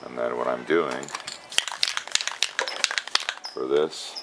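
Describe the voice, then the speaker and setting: Deep rumbly guy demoing woodturning, thinks out loud, loud shop noise behind. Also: fairly even intonation. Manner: halting, thinking aloud while working. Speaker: woodturning instructor. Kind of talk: casual step-by-step demonstration. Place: workshop with lathe, wind outdoors.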